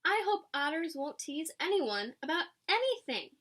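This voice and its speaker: Speaking at a moderate pace with an extremely high pitch, a woman reads a picture book aloud to children. She takes a teacher's approach, animated and explanatory, acting out the lines and slipping in asides.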